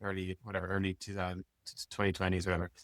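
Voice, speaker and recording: A deep-voiced man races through casual interview answers in a completely flat delivery, recorded in clean studio sound with no echo. As a guest he's plain-spoken, talking about work informally the way an executive might.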